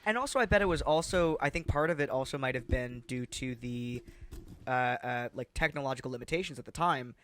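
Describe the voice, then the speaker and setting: Chatty podcast co-host with a bright voice. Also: male voice, mid-range voice, a little fast, slight background noise. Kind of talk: casual chat.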